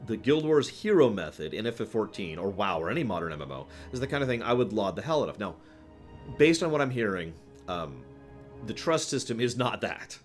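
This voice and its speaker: Fairly low in pitch and very animated, this man talks briskly over faint music while hosting a livestream. He chats casually about games with his live chat, rambling and digressing emphatically and often repeating phrases for stress.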